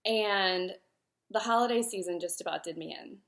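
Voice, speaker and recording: A woman's voice: mid-range voice, moderate pace, vocal fry, fairly bright tone. A woman in her thirties, an author and host, talks live about her life and work, emotional and close to tears at times, with many fillers and self-corrections. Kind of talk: live-streamed personal talk.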